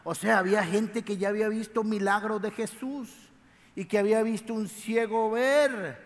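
A man with a high voice preaches a sermon, retelling the story in loose, slangy language. His words ring out with a long echo in a church hall. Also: moderate pace. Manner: colloquial, lively storytelling with slang. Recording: echoey hall.

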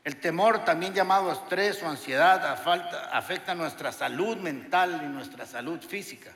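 High, bright-voiced preacher. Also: male voice, moderate pace. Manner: animated storytelling with humorous anecdotes. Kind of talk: sermon. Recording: echoey hall with long reverb.

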